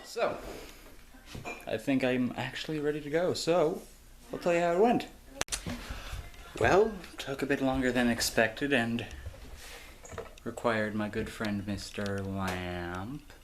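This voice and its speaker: A young American man vlogs casually to camera, rambling, sarcastic, and swearing freely. He speaks at a medium pitch and a slow pace with long pauses, over slight background noise.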